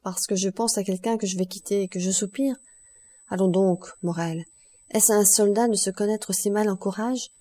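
A grave nobleman who speaks of his own death with calm resignation, read by a woman. His speech is measured and unhurried. The tone stays mellow and soft throughout the audiobook. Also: medium pitch, close to an everyday voice. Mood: resigned. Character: grave, fatalistic nobleman count.

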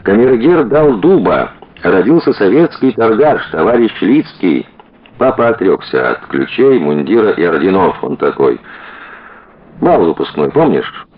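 A man's voice: fairly low pitch, very animated, a little slow, husky, narrow, tinny audio, voice pushed up, exaggerated voice. A man putting on a brash, teasing young woman. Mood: mocking. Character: flippant former society girl, young woman.

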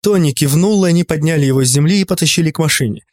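A man narrating a first-person audiobook in an even, steady storytelling manner. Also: fairly high pitch, very fast, dry recording, studio quality. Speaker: audiobook reader.

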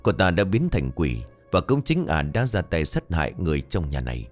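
A man reading a ghost story aloud in a dramatic, expressive way. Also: sits low, normal speed, faint music behind. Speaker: narrator.

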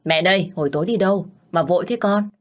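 A woman's voice: fairly low pitch, fast, lightly acted. A woman voicing a caring older mother-in-law who fusses and worries over her children. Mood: relieved. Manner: fussing, motherly.

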